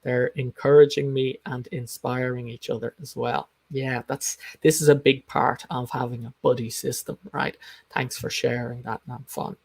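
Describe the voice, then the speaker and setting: A man's voice: medium pitch, level tone, normal speed, gravelly, a little mellow, slightly rough, dry recording. A man coaching English learners in an informal live lesson, explaining in an emphatic, instructive way and repeating his key points. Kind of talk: informal live teaching talk, explaining and answering comments.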